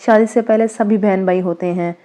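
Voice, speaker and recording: Brief: menacing young blackmailer in a spoken story, sneering and pushy, as a woman reads him, warm mellow tone. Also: mid-range voice, fairly even intonation, lightly acted. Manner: threatening, sneering.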